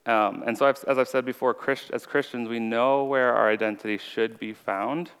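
Speaking at a moderate pace in a medium-pitched, steady, smooth voice with a fairly bright tone, an informal preacher gives an earnest, conversational sermon and personal testimony. He has a slight stutter, and the large room is strongly reverberant.

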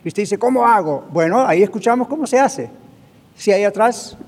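A man's voice: high voice, lively intonation, brisk, darkish tone, long reverb tail, slight background noise. A man preaching a sermon, emphatic and often checking in with the congregation. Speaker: pastor. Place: church hall, also broadcast on radio.

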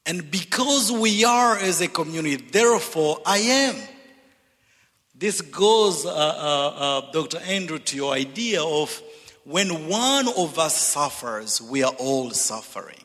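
Casting: Zambian-born man, fairly high voice, slow and earnest speaker, large reverberant sanctuary. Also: expressive, fairly bright tone. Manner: earnest, deliberate, repeats words when building a point. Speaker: speaker at a church reconciliation event. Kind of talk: reflective speech to an audience. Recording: long hall reverb.

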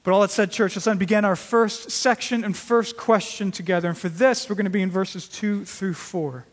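A man's voice: high voice, steady tone, normal speed, big-room sound. A man preaching an earnest sermon as pastor, with emphatic rises in volume on key words.

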